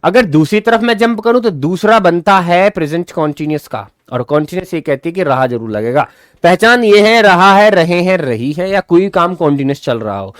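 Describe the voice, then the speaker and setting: A man with a fairly high voice teaching English grammar, recorded dry and close with no room sound. He explains patiently, keeps asking whether his listeners follow, and calls them child. He says his example sentences slowly and repeats them. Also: lively intonation, no room sound. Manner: checks understanding often, calls listeners child. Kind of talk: explanatory lesson.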